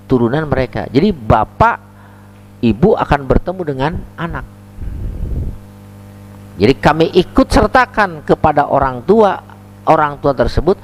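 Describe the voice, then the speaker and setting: Male preacher, lively swooping pitch, fairly high voice, animated sermon. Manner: animated storytelling, acts out the characters in the stories.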